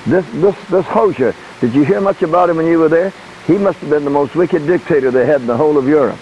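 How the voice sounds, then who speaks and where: A man's voice: a little high, fast, a little mellow, slight background noise. A man interviewing over a phone line. He asks short questions and murmurs agreement. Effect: heard over a phone line.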